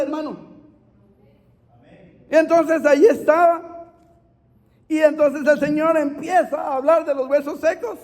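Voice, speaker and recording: High-voiced fervent preacher, man. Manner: fervent, calls listeners brother, bursts into shouts. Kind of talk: sermon. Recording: long hall reverb.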